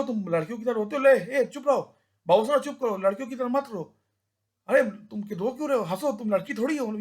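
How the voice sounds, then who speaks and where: A young man with a high voice and a gravelly edge talks informally, looping back on himself with restarts and repeated words. He slips into a rough rustic voice when he acts out elders from his village. The delivery is loose and unscripted. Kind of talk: informal spoken talk.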